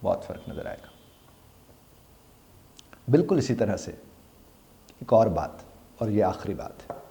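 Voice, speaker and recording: A man's voice: medium pitch, a little mellow. A male English teacher gives an earnest spoken pronunciation lesson. He asks his students questions and then answers them himself. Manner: slows down to model English phrases carefully.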